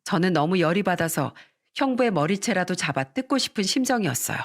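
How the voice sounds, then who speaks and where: A woman narrating a dramatized first-person story in a steady, indignant tone. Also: lowish voice, a little fast. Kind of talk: scripted narration.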